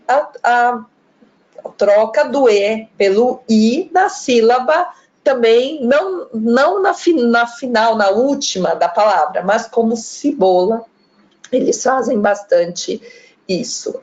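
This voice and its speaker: Woman lecturing over a video call, slow and chatty, acting out the sounds, muffled computer mic. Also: a little high, a little mellow. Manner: chatty, demonstrates regional pronunciations. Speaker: lecturer on pronunciation. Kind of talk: live online talk, reading viewer comments.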